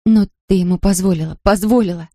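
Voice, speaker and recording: A woman's voice: mid-range voice, fairly quick, dark tone, lightly acted. A woman voicing an anxious, emotional young mother in a storybook reading.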